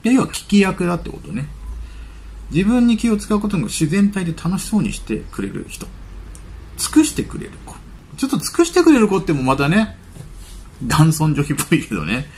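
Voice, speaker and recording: A man's voice: sits high, very animated, a little fast, a little mellow, breathy edge. A man hosting his own channel, reading celebrity news items aloud and breaking off into chatty, musing asides. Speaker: channel host. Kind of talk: casual commentary on celebrity news.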